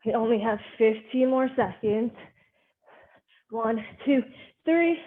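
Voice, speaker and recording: On the high side and slow in pace, a woman's voice leads a live online workout class as the fitness instructor. She gives short, directive cues and counts, and the sound is narrow and phone-like.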